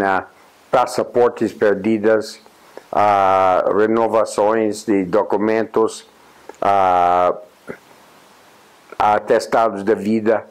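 An American man in his eighties, a native English speaker and a journalist and honorary consul, gives a reflective interview in a plain indoor room. His voice sits fairly low, and he talks unhurriedly, pausing often with "ah" and restarting his sentences.

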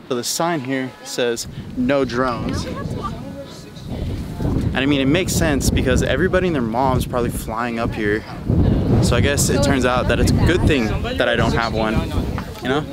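A man's voice: medium pitch, heavy background noise. Chatty young man vlogging outdoors. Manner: laid-back, chatty, slangy. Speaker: travel vlogger. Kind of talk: casual travel vlog. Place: outdoors on a hiking trail and beach. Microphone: handheld action camera at arm's length.

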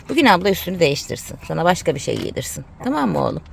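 A mother vlogging casually, coaxing and calling to her dog in a high sing-song voice. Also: sing-song, fairly quick, gravelly, a little hiss or hum. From Turkey. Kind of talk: casual family vlog.

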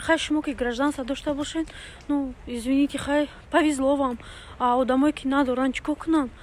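Woman vlogger, high voice, chatty, mulls things over aloud, grocery store with clear background noise. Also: darkish tone. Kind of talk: casual vlog talk. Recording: noisy shop background.

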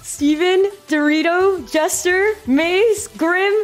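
A young woman hosting a casual livestream, chatting to viewers in a playful, excitable gamer-girl way with plenty of swearing and slang. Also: extremely high pitch, slow pace. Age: young adult. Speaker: live streamer, host. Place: small bedroom streaming setup. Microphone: close boom-arm microphone, headset on.

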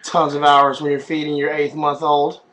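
Slight background noise and a rough recording quality surround this thirtysomething dad as he coos at his baby in animated, singsong tones. He's indoors in a small room, vlogging through a webcam at arm's length, his voice a little high and his pace normal.

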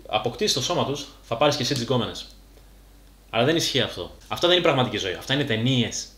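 A man speaks straight into the camera in a casual, coaching monologue. He is blunt and slangy and pulls no punches. His middle-pitched voice bounces around a roomy, echoey space. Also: a bit bright. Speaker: fitness YouTuber.

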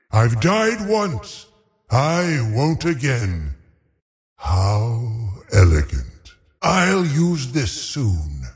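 A man voicing a cold, haughty undead lich sorcerer in a video game, speaking in a menacing, theatrical, deliberate way as he savors his cruelty. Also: on the low side, vocal fry, big-room sound, heavily acted. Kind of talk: video game villain voice lines.

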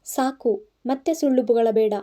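A woman's voice: fairly high pitch, unhurried, mellow, natural voice. A woman voicing a stern middle-aged village father who scolds with a raised voice. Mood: furious scolding.

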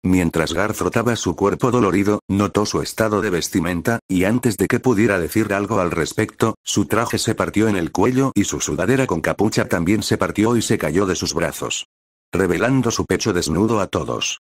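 A man narrating a fan fiction story aloud in a steady storytelling read. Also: deep voice, normal speed, dry recording, studio quality.

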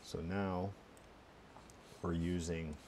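A low-voiced man presents a casual screencast tutorial, thinking aloud in a level, darkish tone. Unscripted and halting, he mutters his way through the steps, with slight background noise in the recording.

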